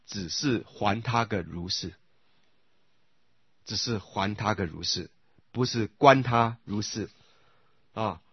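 Husky-voiced man teaching Buddhist scripture. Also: mid-range voice, no echo, dull audio. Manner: often checks with listeners by asking "right?"; recites sutra phrases in slow repeated cadence. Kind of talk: sutra lecture.

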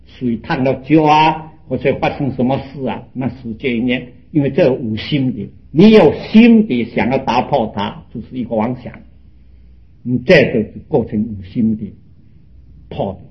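A man's voice: mid-range voice, dull audio. A man teaching Buddhism in a dharma talk, telling stories animatedly and pressing his listeners with rising, emphatic questions.

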